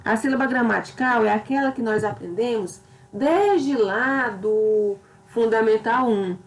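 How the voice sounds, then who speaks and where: A woman's voice: on the high side, a little slow, poor audio. A woman teacher giving a literature lesson, explaining step by step and often checking in with her students.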